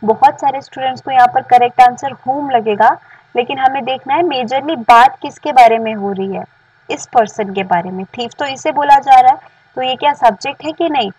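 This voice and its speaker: Husky-voiced Indian woman teaching grammar. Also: sits high, a little mellow, no room sound, distant mic, dull audio. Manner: explains in Hindi, reads example sentences slowly in English, asks rhetorical questions. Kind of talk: bilingual classroom-style lesson.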